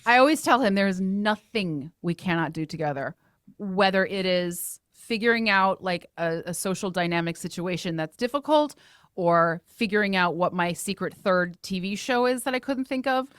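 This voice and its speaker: A woman in her thirties, a filmmaker guest in casual chat, talking in animated, laughing bursts. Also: medium pitch, moderate pace, clean tone, no room sound, studio quality.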